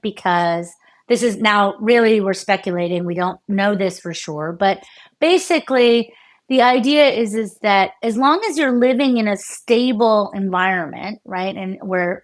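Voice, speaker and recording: An American woman, a neuroscientist appearing as a guest, explains her field in a conversational interview. Her mid-range voice is animated, full of fillers and restarts, and she laughs often.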